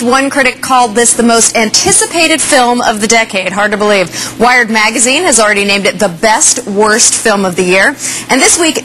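A woman's voice: a little high, a bit bright, a little hiss or hum, rough recording. A young woman reporting a scripted entertainment news segment from a TV studio, in a playful newsreader manner. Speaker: news correspondent. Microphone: lapel mic.

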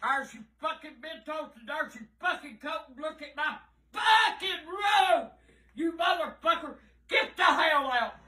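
An older woman, a grandmother with an irate, blunt, profane manner, talking casually and often shouting in a home bedroom. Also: sits high, expressive, a little slow. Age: older, 60s or above. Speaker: grandmother in prank videos. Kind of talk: casual reactions to pranks. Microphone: handheld phone camera a short distance away.

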